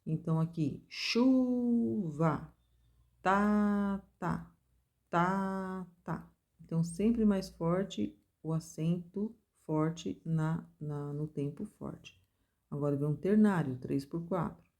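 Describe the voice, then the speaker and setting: Low, mellow-voiced woman teaching music. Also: unhurried. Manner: explains step by step, chants rhythm syllables with stress. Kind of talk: recorded music theory lesson.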